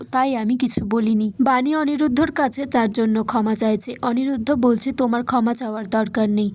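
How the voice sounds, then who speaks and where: A woman's voice: a little high, no echo. Woman recapping a drama episode. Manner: steady storytelling, reads quotes in the same voice. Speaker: serial episode recap narrator. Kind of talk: reading a plot recap with quoted dialogue.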